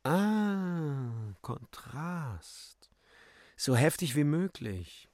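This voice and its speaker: A man reading a smug, self-satisfied gentleman in a radio play, speaking in a pompous, declaiming way. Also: fairly high pitch, very animated, drawn-out words, no echo, clean studio sound, full character voice. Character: smug self-satisfied man who thinks himself perfect.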